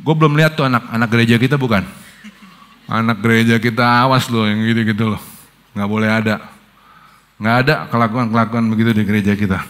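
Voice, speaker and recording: A middle-aged pastor with a Jakarta accent, preaching a casual youth sermon in slangy storytelling, dropping to low murmurs and jumping to high excited bursts. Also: male voice, fast, pauses often.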